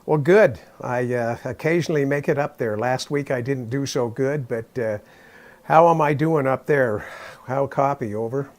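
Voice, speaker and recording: Guy on a ham radio net, military radio style callouts, mid pitched voice. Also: moderate pace, darkish tone. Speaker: amateur radio operator. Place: at his radio station.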